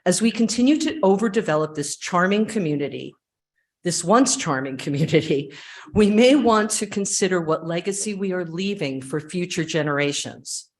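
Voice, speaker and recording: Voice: mid-range voice, expressive, normal speed. A resident reading an earnest, declamatory prepared statement as public comment at a city hearing.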